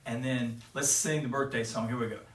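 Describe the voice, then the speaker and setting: A man hosting a children's show talks cheerfully straight to kids, then reads a picture book aloud in a sing-song way. His voice is medium-pitched, steady and a bit bright, at a fairly quick pace. He's recorded from a distance, away from the mic, in an echoey room.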